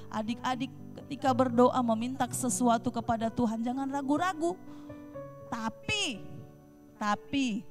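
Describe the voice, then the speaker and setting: A woman with a high voice teaches Sunday school, slowly unfolding a Bible story for children. She quizzes her young listeners and briefly acts out lines from the story. Soft music plays faintly behind her. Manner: animated, addresses children directly with questions.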